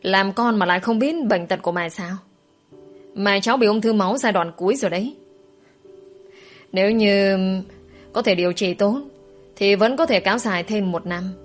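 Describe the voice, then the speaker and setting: A woman voicing a stern hospital doctor who speaks in a brisk, reproachful way. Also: mid-range voice, soft background music, natural voice.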